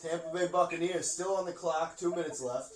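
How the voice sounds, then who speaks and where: A man's voice: a little high, fairly quick, noisy background. A man co-hosting a casual draft-watching chat over a video call, teasing and laughing a lot. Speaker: co-host.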